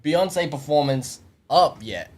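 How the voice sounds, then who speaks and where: A man co-hosting a casual reaction chat, relaxed and agreeable. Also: on the high side, takes it slowly. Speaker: co-host.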